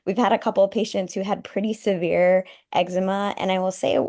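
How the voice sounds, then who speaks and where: A woman pediatric dermatologist in the audience adding her view after the talk, measured and complimentary. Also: medium pitch, steady tone, dark tone.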